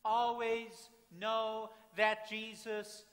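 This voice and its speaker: Male pastor, slow and dramatic from hush to loud, reverberant sanctuary. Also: high voice, completely flat delivery. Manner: dramatic preaching, swings from hushed to loud. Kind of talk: sermon. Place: church sanctuary with congregation. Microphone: far camera at back of church. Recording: reverberant church from far off.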